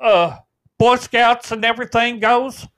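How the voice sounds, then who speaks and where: A man's voice: extremely high pitch, a little slow, a bit bright. A man playing a folksy old farmer co-hosting a comedy show, with homespun rural talk. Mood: deadpan folksy. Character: folksy old male farmer, cheerfully confident. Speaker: co-host. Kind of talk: comedic character banter.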